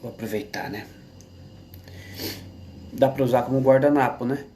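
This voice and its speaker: Rambling Brazilian man, slow and halting. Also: medium pitch, warm tone, a little hiss or hum. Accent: Brazilian Portuguese. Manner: rambling and halting, with many restarts and tag questions. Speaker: vlogger. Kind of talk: casual monologue to camera.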